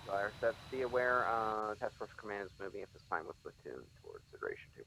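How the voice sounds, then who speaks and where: Over slightly noisy radio comms, a man with a lowish voice coordinates fire missions in a military game. He speaks calmly in procedural military radio chatter. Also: fast talker. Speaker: ground fire controller in a military simulation game.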